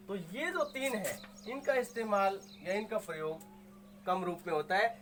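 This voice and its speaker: Slow, patient Hindi grammar teacher, man. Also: sits high, fairly bright tone, a little hiss or hum. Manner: patient, repeats and sounds out each word; asks and answers his own questions. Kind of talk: explaining Hindi grammar to students.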